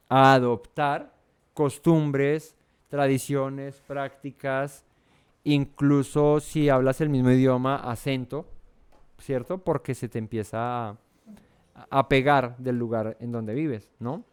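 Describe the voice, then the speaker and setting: A man's voice: medium pitch, fairly even intonation, slow pace, clean tone. Bogotá-accented man teaching Scripture. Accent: Bogotá Colombian Spanish. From Bogotá, Colombia. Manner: conversational, asks "¿cierto?" and "¿no?" often, with many restarts. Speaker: Bible study teacher. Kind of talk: verse-by-verse Bible teaching.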